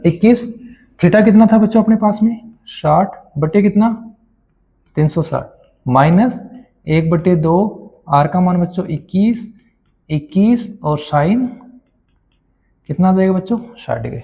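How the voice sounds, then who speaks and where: A man's voice: high-pitched, animated, a little slow, gravelly, long pauses, dark tone. A man teaching a maths lesson, who keeps asking his students questions and then answers them himself. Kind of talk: classroom-style maths lesson.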